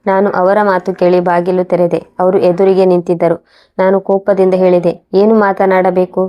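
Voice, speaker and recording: Woman reading out a moral story in first person, steady and even, pretty flat delivery, soft mellow tone. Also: on the low side, normal speed.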